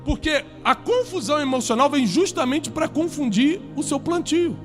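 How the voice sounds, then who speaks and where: Man, sermon, high voice, emphatic preaching, faint music behind. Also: lively intonation, normal speed. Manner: emphatic preaching, rising to loud peaks and dropping low. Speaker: pastor. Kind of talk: sermon to a live congregation.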